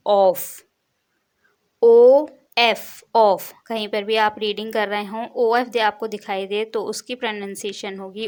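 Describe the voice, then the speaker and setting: A woman teaching beginners to read English words, spelling letters out slowly and repeating each word patiently. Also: on the high side. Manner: slow, deliberate spelling out of letters. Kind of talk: step-by-step spoken lesson.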